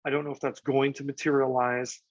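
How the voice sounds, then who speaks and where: Speaking briskly in a level, mid-range voice, a male real estate agent casually explains market charts. He uses lots of fillers and "right?" asides. The sound is dry, a little dull, and lo-fi.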